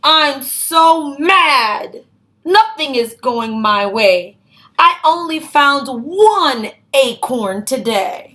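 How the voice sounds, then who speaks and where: A woman's voice: high voice, expressive, very slow, bright, forceful tone, heavily acted. A woman voicing a squirrel in a children's storybook, stretching out the words in an exaggerated way. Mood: mad, complaining.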